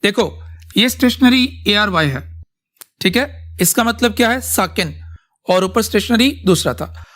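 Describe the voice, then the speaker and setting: This male teacher's voice sits high, with an expressive, unhurried delivery and a fairly bright tone. Teaching vocabulary to a class, he switches between Urdu and English, checks comprehension often, and refers to the students as "beta."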